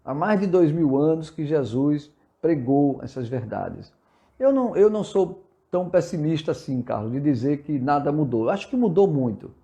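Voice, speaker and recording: A man's voice: fairly high pitch, very animated, moderate pace, gravelly, mellow, lo-fi sound. A man with a Brazilian Portuguese accent giving an earnest live sermon-style talk, reading viewer comments aloud and answering them. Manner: earnest and exhortative, reads out viewer comments and replies. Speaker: spiritist preacher hosting a live session. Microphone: livestream from a phone or computer.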